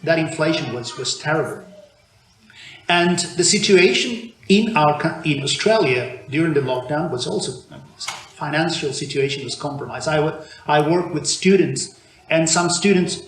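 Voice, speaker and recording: A bit bright and medium in pitch, the voice belongs to an Argentine man giving a conversational church sermon. He often starts his sentences over and uses fillers, heard in an echoey room with faint noise behind him.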